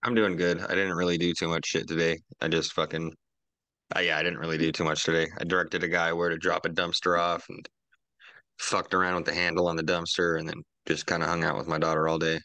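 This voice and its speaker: Very low-voiced man, casual podcast host. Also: flat delivery, a little fast, bright, forceful tone, no echo. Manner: laid-back, heavy swearing.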